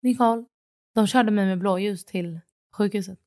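A woman in her thirties co-hosting a podcast, telling a story in casual chat, acting out what others said and swearing freely. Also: medium pitch. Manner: animated retelling, acts out dialogue, swears casually. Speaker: podcast co-host.

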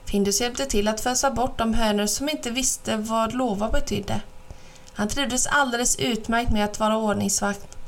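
Woman reading a children's storybook. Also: fairly high pitch. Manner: calm, clear, measured.

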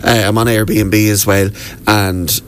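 In a radio interview with noticeable background noise, a tour guide from Wexford, southeast Ireland, speaks with the local Irish accent. His voice is fairly low and fairly bright, his delivery flat and slow, yet his telling is enthusiastic and informal.

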